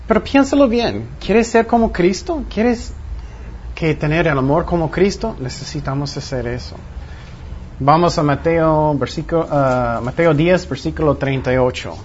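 A man's voice: fairly high pitch, moderate pace, darkish tone. A man leading an interactive Bible study, teaching in a teacherly way and putting questions to his group. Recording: muffled room recording with faint noise.

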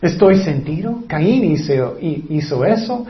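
High-voiced earnest male preacher. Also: expressive, measured pace. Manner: earnest, full of rhetorical questions. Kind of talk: sermon. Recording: dull lo-fi recording.

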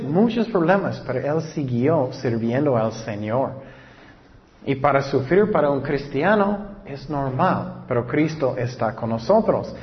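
A man preaching a sermon, reading scripture verses slowly and then urging listeners earnestly. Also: on the high side. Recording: long hall reverb, dull lo-fi sound.

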